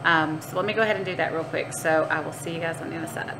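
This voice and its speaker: This woman has a deep voice and races through her casual vlog chat, calling her audience "guys" in a chatty, informal way. It's noisy amateur phone video with the phone at arm's length.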